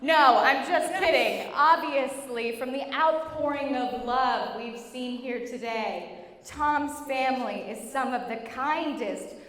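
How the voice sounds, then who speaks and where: A young adult woman giving a humorous prepared wedding speech as maid of honor, with animated, joking storytelling and dramatic pauses. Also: sits high. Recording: echoey reverberant hall with clear noise.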